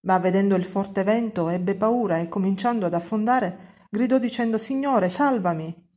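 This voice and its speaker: Woman reading scripture aloud, measured. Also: mid-range voice, dark tone. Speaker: scripture reader. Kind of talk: reading a Bible passage aloud.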